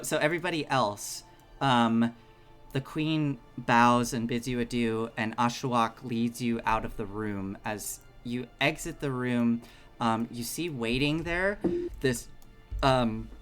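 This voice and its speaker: A man's voice: mid-range voice, a bit bright. A man narrating as game master of a tabletop game, chatty and full of ums and restarts.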